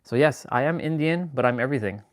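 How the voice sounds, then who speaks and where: A man's voice: medium pitch, animated, quick pace. A man hosting a live stream, talking in a rambling, self-assured spiritual monologue and restarting sentences as he goes.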